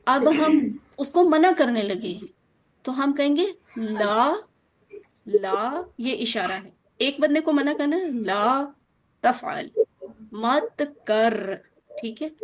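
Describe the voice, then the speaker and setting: Female teacher on a video link: slow, patient drilling, slightly high voice. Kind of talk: online Arabic grammar lesson.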